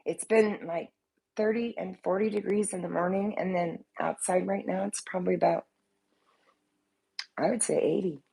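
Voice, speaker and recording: This woman's voice sits on the low side, husky, gravelly, and warm, with fairly even intonation at a moderate pace. A soap maker and vlogger with a slight cold, she chats casually to camera from home, living room in view, rambling and swearing freely.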